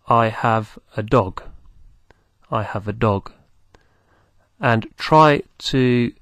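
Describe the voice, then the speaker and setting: A man teaching beginners, speaking slowly and patiently, repeating words for the listener to copy. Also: mid-range voice, a bit bright, dry recording, studio quality. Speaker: language teacher. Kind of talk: slow, patient teaching with pauses.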